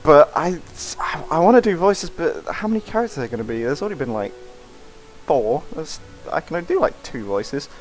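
A man's voice: on the high side, sing-song, brisk, soft background music, low-quality recording. A man commenting on a video game as he plays, rambling and mumbling in a self-mocking way. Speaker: let's play host. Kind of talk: casual gameplay commentary reading game dialogue aloud.

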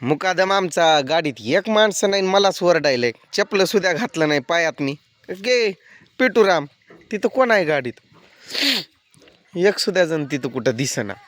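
A man's voice: high-pitched, animated, normal speed, fairly bright tone. A man performing a comic village-family skit, nagging and scolding in an exasperated way. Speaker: comic vlogger.

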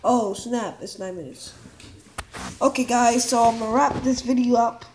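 A woman giving casual, rambling commentary over a gameplay video, excitable and full of quick exclamations. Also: fairly high pitch, slight background noise.

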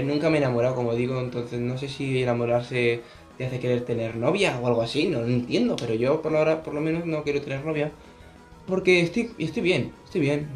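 A teenage boy from Spain with a Spanish accent vlogs about gaming from his bedroom, chatting casually and jokily to camera in a rambling way. His male voice is mid-range and a little mellow, picked up by a camera on his desk in close framing.

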